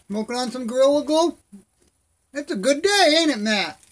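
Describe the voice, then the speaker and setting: High-voiced man with toothless, lips-over-gums speech. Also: animated, moderate pace. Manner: rambling, friendly, addresses viewers as buddy. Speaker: live stream host. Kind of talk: casual chat to live stream viewers.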